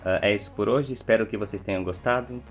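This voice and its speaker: A man teaching English vocabulary, saying each word slowly and deliberately for students to repeat. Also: lowish voice, over music. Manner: slow, deliberate word-by-word pronunciation. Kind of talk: vocabulary drill lesson.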